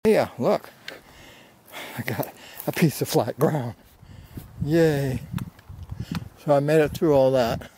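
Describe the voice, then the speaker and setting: This hiking vlogger, a man around seventy, talks casually into a handheld camera held at arm's length as he climbs a rocky desert mesa slope. His mid-range voice is warm and slightly rough, slow, with long pauses, and his manner is folksy and self-deprecating.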